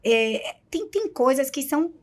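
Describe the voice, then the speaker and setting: A woman's voice: sits high, expressive, a little slow. A woman who teaches English, chatting on a podcast and making her points with emphasis. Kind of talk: casual podcast chat.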